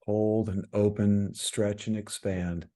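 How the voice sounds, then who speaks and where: The speaker is a man with a lowish voice acting as a meditation teacher. He delivers calm, soothing instructions and pauses frequently.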